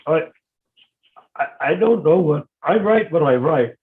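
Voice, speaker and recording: An older man, a guest in a casual discussion, joins over a video call on a tinny, phone-like line with a faint hiss or hum. His voice is fairly high and animated, and he speaks emphatically at a measured pace, often repeating words as he begins sentences.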